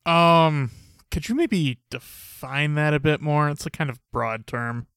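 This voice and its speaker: A young man hosting a podcast, talking in a dry, monotone, sarcastic way. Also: a little high, a little slow, clear, resonant tone, no echo. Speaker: podcast host. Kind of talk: casual podcast banter.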